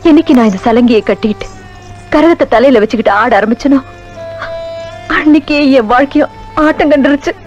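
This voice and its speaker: A woman's voice: high-pitched, a little fast, long pauses, darkish tone, lo-fi sound, soft background music, lightly acted. An actress playing a village mother who defends her son and scolds her husband in a film scene. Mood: sorrowful. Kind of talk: Tamil film drama acting.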